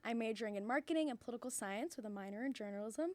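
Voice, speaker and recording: A woman's voice: on the high side, racing, no room sound. A college student in her twenties from Hawaii, a woman speaking on a panel in a chatty way full of fillers. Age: 20s. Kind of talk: casual panel talk.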